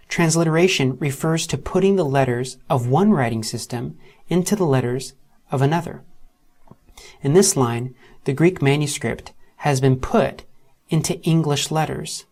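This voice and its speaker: A man with a slightly high voice walks through a software tutorial over a screen recording. He handles each step methodically and slows down when spelling out letters and terms.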